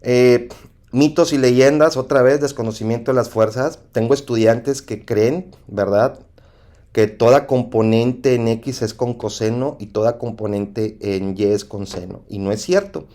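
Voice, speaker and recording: A man with a Mexican accent teaching an engineering lesson over slides, often pausing with "¿sí?" to check understanding. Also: medium pitch, warm tone. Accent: Mexican Spanish. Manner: repetitive, asks "¿sí?" to check understanding. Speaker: engineering instructor.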